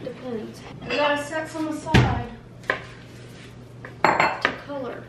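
A young woman and mother hosting a casual home cooking vlog, giving her children calm, brief instructions in her kitchen, picked up by a camera across the island. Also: high voice, slow pace, very noisy. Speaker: mother and channel host. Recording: echoey kitchen, far from mic, clattering dishes.

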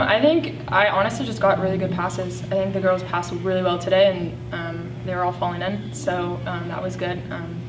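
A young woman, a college basketball player, answering post-game questions in a soft-spoken, hesitant way that trails off. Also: on the low side. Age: young adult. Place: indoor press conference room. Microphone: table mic from a distance. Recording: echoey room with hum, distant mic.

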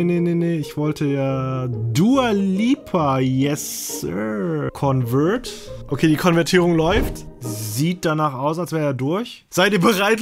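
Young male vlogger, a bit high-voiced, excitable and slangy, faint music behind. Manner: excitable, slangy, laughs often. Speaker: YouTuber host. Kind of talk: casual tech vlog commentary.

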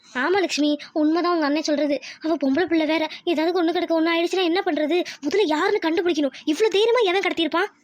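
A woman's voice: extremely high pitch, fast, no echo. A woman voicing a worried elder sister-in-law in a cartoon, exclaiming in alarm. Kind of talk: cartoon voice acting.

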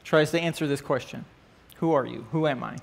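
This man's voice is a little high, with vocal fry, and he talks fairly quickly. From an indoor church stage set up with band equipment, he teaches a class lesson that starts with a prayer. He's informal and chatty, often asking the class questions and repeating "right?" and "uh."

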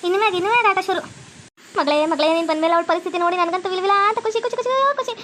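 A woman's voice: very high-pitched, racing, fairly bright tone, a little hiss or hum. Woman voicing gloating old mother-in-law Jayamma. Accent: North Karnataka Kannada. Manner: gloating, repeats words. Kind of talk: cartoon comedy voice acting.

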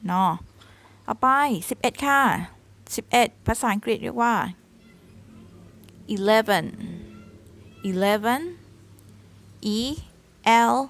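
A woman teaching English numbers to young students, slowly spelling each word letter by letter and using polite particles. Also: mid-range voice. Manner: slow, spells words letter by letter. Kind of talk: slow number drill lesson. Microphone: phone screen recording.

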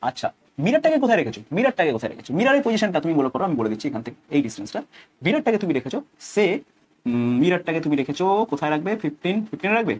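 A man's voice: a little high, sing-song, rapid-fire, a little mellow, husky. A man with a Bengali accent teaching a physics lesson, talking through each step aloud, repeating phrases and asking his students questions.

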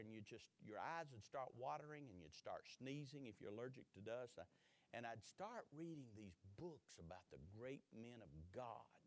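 A middle-aged male pastor preaching a sermon in a church, swinging from hushed tones to thundering, acting out the voices he quotes. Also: medium pitch. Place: church sanctuary.

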